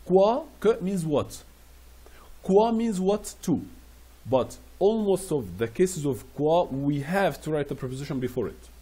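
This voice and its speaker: Slow, husky male French teacher. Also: a little high, expressive, warm tone. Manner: explains French phrases in English, repeating each slowly. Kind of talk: classroom phrase lesson.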